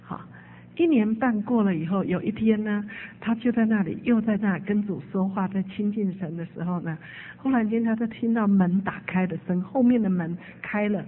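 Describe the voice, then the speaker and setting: A woman's voice: mid-range voice, moderate pace, slight background noise. A woman preacher telling an emotive story in a sermon. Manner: emotive, with frequent "hao" fillers. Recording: tinny phone-like sound.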